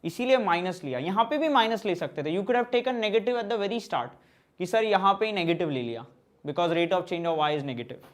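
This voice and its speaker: This expressive, high-voiced teacher from central India lectures on physics at a slow pace during an online class. Blending Hindi with English, he reads out questions from students and responds to each.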